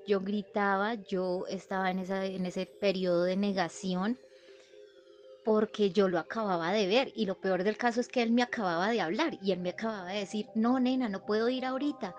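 A woman's voice: medium pitch, steady tone, moderate pace, a little mellow, dull audio, faint music behind. A woman tells a personal story in a conversational way, with restarts and repeated phrases. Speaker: guest giving a testimony.

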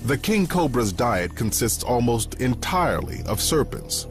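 A man reads scripted nature documentary narration in a measured, dramatic storytelling delivery. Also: medium pitch, very animated. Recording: music bed under the narration. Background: background music.

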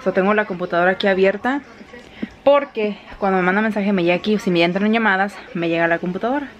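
A woman's voice: mid-range voice, quick pace, dull audio. Mexican lady in her 30s just chatting at home, laughing, throwing in english words. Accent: Mexican Spanish. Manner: chatty, mixes English phrases, laughs often. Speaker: vlogger. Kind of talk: casual vlog chat. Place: home kitchen while cooking.

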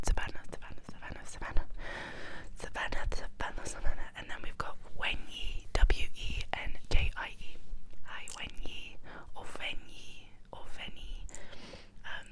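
Woman whispering fast, chaotic ASMR. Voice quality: breathy, unvoiced whisper. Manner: playful, rambling, repeats words over and over. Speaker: ASMR video host.

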